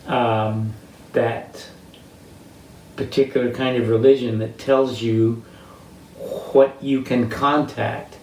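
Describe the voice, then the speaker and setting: An elderly American man, interviewed about his life, reminisces through personal stories at a slow, halting pace, pausing to find words in a reflective way. His voice is mid-range with a dark tone. He's recorded from a distance in an echoey room with faint background noise.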